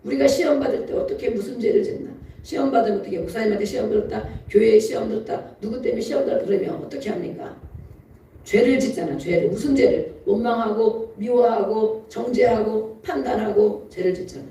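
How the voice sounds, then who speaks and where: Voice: mid-range voice, fairly quick, mellow, a little hiss or hum. A pastor giving a sermon who acts out pleading prayers in a raised voice and often laughs while preaching. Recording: very echoey room, voice far from the mic.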